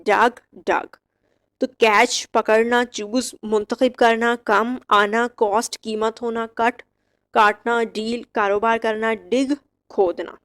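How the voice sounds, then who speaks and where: A woman teaching English verb forms, reciting each word slowly and clearly with short explanations. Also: on the high side, little pitch movement, fairly bright tone. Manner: slow, drilled word-by-word recitation. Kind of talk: vocabulary lesson.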